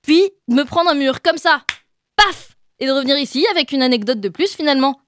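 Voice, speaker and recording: A young woman delivering a comic chronicle in a chatty, self-mocking way, full of quick asides to her listeners. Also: high-pitched, a little hiss or hum. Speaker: radio columnist. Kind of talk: comic monologue column.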